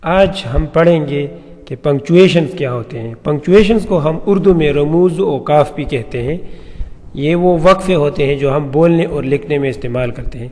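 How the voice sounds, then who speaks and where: A man teaches a grammar lesson in a fairly high voice. He explains each point patiently and reads example sentences slowly. The recording carries a long, echoing reverb. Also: darkish tone. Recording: echoey room with long reverb.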